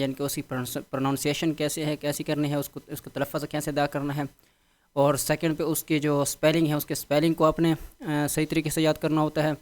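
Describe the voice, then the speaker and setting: A man teaching a vocabulary lesson, explaining patiently and checking in often with his students. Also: on the high side. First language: Urdu. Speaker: English teacher.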